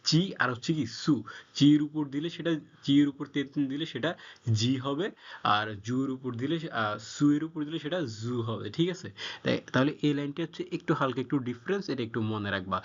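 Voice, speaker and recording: A man's voice: medium pitch, a bit bright. A man teaching a casual language lesson, informal and repetitive, with frequent fillers. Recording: slightly dull lo-fi audio.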